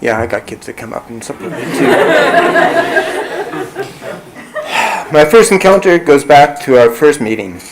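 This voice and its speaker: A middle-aged man, speaking at a measured pace as he gives a reflective eulogy for a friend at a funeral. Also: on the high side, wildly swooping pitch, a crowd in the background, poor audio. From Canada. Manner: slow, measured, warmly reflective. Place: funeral service venue.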